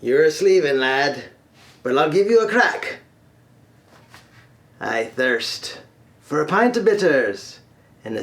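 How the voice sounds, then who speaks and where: A man putting on a blustering mock-Irish drinker. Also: mid-range voice. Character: gruff Irishman, demanding a pint.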